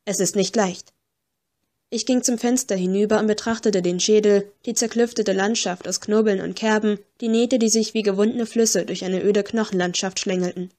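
Female audiobook narrator; measured, expressive, medium pitch. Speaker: audiobook reader. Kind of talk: first-person audiobook narration.

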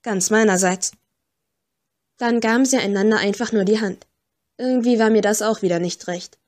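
A woman reads an audiobook in the first person, telling the story with dry wit. Her pitch sits in an ordinary middle range. The delivery is steady and composed. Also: brisk. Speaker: audiobook narrator.

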